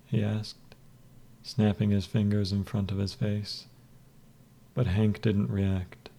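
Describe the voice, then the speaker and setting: A man reading a story aloud in a slow, soft, even delivery. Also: on the low side. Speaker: narrator. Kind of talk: scripted story narration.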